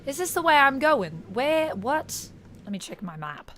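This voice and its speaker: A woman streamer chats casually on a livestream while practicing a put-on Australian accent that wavers and slips toward New Zealand and Irish. Her high, sing-song voice is a bit bright, with slight background noise, and she's halting and self-conscious, trying out vowel sounds and repeating words.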